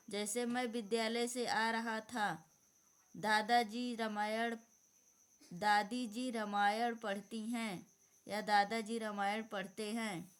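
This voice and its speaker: A woman teacher giving an exam-prep grammar lesson, dictating definitions and repeating them. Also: a little high.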